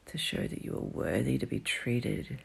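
A woman performing an intimate whispered roleplay audio, teasing and murmuring softly in a low whisper. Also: normal speed, gravelly, breathy edge.

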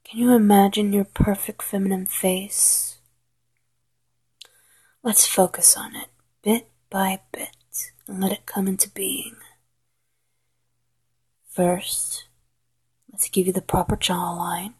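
A woman whispering a slow, coaxing guided hypnosis roleplay in a soft, intimate voice. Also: mid-range voice, breathy edge. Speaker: hypnosis narrator.

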